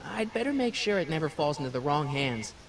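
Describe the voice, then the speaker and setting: An actor playing a determined, quick-witted young male hero in a video game, talking in wry asides. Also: fairly high pitch, very animated, vocal fry, a little hiss or hum, rough recording.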